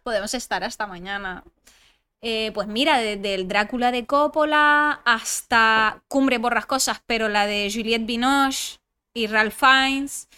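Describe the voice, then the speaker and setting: A woman's voice: fairly high pitch, steady tone, a little slow, pushed and bright, clean tone. A woman with a Spanish accent, a podcast guest chatting casually and eagerly in an interview, talking through interruptions. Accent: Spanish regional accent. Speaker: podcast guest, former reality show contestant.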